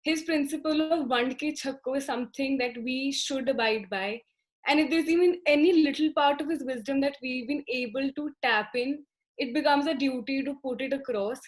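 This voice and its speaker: A woman's voice: sits high, low-quality recording. A young woman moderating a panel in a conversational, reflective way. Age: young adult. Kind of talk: casual panel discussion.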